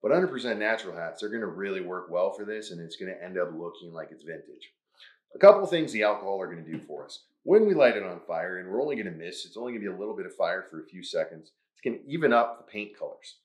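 An upbeat man hosts a hands-on craft tutorial and walks through each step as he works. His voice sits on the low side. The room around him is echoey. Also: big pitch swings, fast. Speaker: host.

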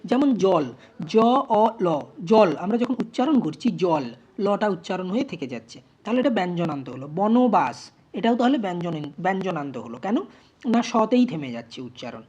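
A woman teacher explaining grammar, spelling out words slowly syllable by syllable. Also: fairly low pitch, very animated, mellow, slightly rough, highs cut off. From West Bengal, India. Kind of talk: grammar lesson.

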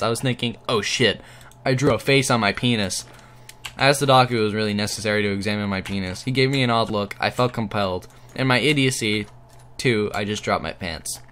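A man's voice: lowish voice, a bit bright, smooth. A man hosting a gaming video on a headset mic, reading funny stories aloud and often cracking up mid-read.

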